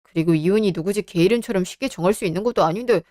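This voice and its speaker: A woman's voice: medium pitch, very fast, warm tone, dry recording, studio quality, voice pushed down, close to an everyday voice. A woman voicing an apologetic, evasive young husband who stammers in a radio drama. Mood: defensive. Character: sheepish young married man, defensive husband.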